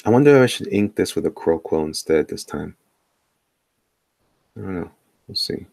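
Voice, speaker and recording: This middle-aged artist, a Bronx native with a New York accent, chats casually and playfully while drawing on a live stream at an indoor tabletop, rambling and saying the same phrases over again. He has a deep, creaky, darkish voice with lively intonation and speaks at normal speed. The recording is dry and studio quality.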